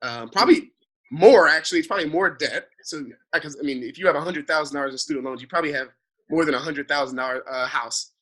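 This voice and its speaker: A man with a voice on the high side speaks at a quick pace, explaining money topics as a financial advisor in casual talk. Animated and expansive, he keeps checking understanding with "right?".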